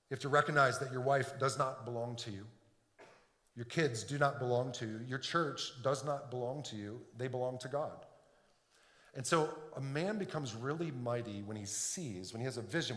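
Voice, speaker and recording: In an echoing church sanctuary with long reverb, a middle-aged man from Detroit delivers a sermon as pastor. His voice sits at a medium pitch with a slightly bright edge, and he earnestly repeats words to build each point.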